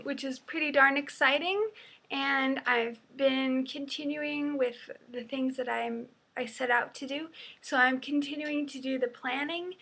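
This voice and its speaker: A young woman records a casual video diary at home, speaking slowly in a somewhat high voice. She hesitates often with ums and laughs at herself now and then, caught on a phone or webcam mic. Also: a bit bright. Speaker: vlogger.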